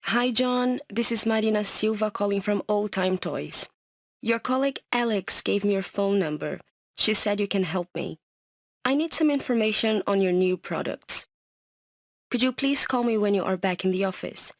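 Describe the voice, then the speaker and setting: A woman's voice: medium pitch, normal speed, dry recording, clean studio sound, lightly acted. A woman playing a polite business caller leaving a voicemail, speaking carefully as in a scripted English listening exercise. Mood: polite, businesslike. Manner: leaving a voicemail, careful dictation, spelling things out.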